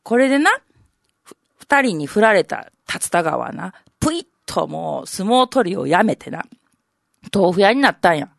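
A woman's voice: mid-range voice, sing-song, normal speed, creaky, no room sound, voice pushed down. Brief: bluffing Kansai elder in rakugo, played by a woman, condescending storyteller, close and dry. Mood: storytelling. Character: know-it-all older Kansai man bluffing an explanation.

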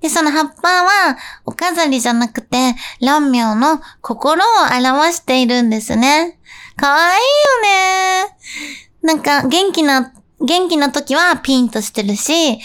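A woman's voice: high-pitched, a bit bright, clean tone. A young woman hosting a radio corner, chatting casually and playfully about a cartoon cat quiz and her live streaming.

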